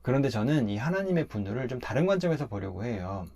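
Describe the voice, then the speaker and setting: A man, a pastor, talking through a Bible passage in a relaxed conversational way, emphatic as he explains step by step. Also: mid-range voice, quick pace.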